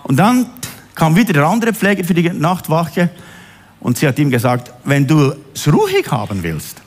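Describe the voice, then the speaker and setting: A man preaching a sermon, telling stories and stretching words for emphasis. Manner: animated, swings high on emphasis, drawn-out stresses. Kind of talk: sermon with storytelling.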